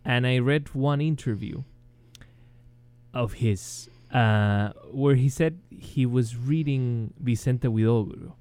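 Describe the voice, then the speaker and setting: This guest on a casual video-call interview is a Chilean man whose English, his second language, carries a Chilean Spanish accent. He talks slowly in a mid-range, clean voice with no room sound, sounding hesitant through many ums, frequent restarts, and soft chuckles.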